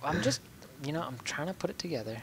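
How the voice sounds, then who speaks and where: A man's voice: on the high side, very animated, fast talker, creaky, fairly bright tone. A young man hosting a casual gaming podcast, loose and joking, laughing often and trailing off with fillers. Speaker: podcast host.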